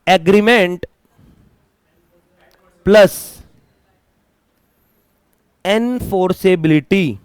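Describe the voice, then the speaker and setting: A man's voice: high voice, drawn-out words, long pauses, smooth, no echo. A man teaching a classroom lecture, asking students questions and mixing English terms into his talk. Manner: mixes Hindi with English terms.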